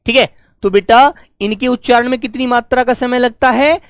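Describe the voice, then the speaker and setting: A man's voice: very high voice, moderate pace, clear, resonant tone, no room sound, clean studio sound. A man teaching an online class who keeps addressing his pupils as dear children and checks in with "okay" again and again. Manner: acts out loud calls to demonstrate.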